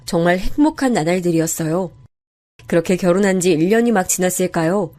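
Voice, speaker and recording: A woman narrating a dramatic family story in the first person, in a soft, steady storytelling voice. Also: fairly low pitch, brisk.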